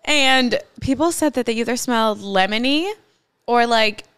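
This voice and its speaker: Young female podcast co-host, slightly high voice, casual comedic banter, dry studio-close sound. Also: moderate pace, fairly bright tone, clean tone, no room sound.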